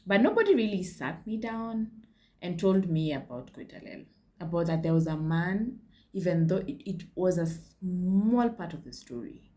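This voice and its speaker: A woman's voice: lowish voice, expressive, normal speed, dark tone. A Kenyan woman hosting a casual history vlog, chatty, with frank asides and slips into Swahili. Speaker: history channel host.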